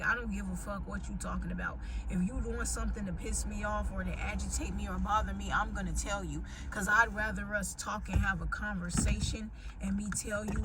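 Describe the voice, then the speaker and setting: A young American woman talks to her viewers in a casual, candid rant. Her delivery is emphatic and full of slang and swearing, at a medium pitch. Clear background noise with vehicle ambience runs under the voice. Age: 20s. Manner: slangy, profanity-heavy, emphatic. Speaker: vlogger.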